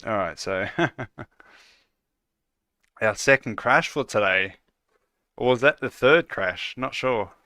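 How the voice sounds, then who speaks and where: Easygoing Australian male streamer, crisp tone, thinks aloud while coding and chats with viewers. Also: mid-range voice, takes it slowly, pauses often, no room sound, studio quality. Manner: relaxed, lots of "uh" fillers, calls viewers "mate". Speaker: game developer livestreamer. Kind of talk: casual livestream chat while coding.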